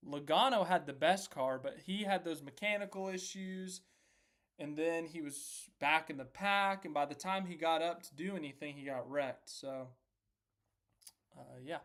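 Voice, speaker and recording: A man hosting a casual racing recap live stream, chatty and self-deprecating, reacting out loud as he works through standings on screen. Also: on the high side. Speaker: host of a racing recap livestream.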